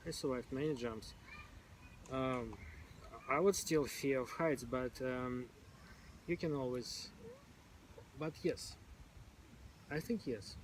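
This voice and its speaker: A member of a stammering support group chats casually in a medium-pitched voice, speaking slowly and pausing often. Now and then he repeats sounds when stuck on a word, keeping his phrasing informal, with slight background noise.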